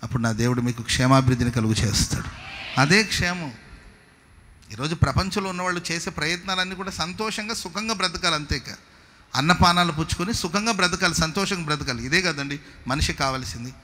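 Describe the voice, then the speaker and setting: High, bright-voiced man preaching. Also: fast, slight background noise. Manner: emphatic preacher, swings between loud exhortation and soft asides. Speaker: pastor. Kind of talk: sermon. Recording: long hall reverb.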